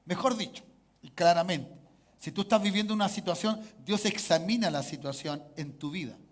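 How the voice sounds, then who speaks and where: A Chilean pastor with a Chilean Spanish accent preaches a sermon, calling for amens and shifting between hushed asides and loud exhortation. His voice sits high, at a moderate pace.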